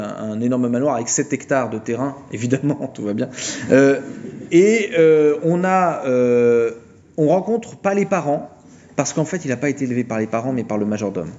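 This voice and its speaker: A man giving an informal philosophy lecture, retelling a film plot with mocking, animated storytelling. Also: mid-range voice, dull audio, a little hiss or hum.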